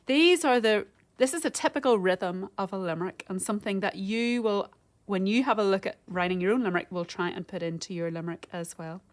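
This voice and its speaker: A woman teaches a recorded home-learning lesson. She sounds out rhythms and counts syllables slowly and carefully, as a primary school teacher does. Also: mid-range voice.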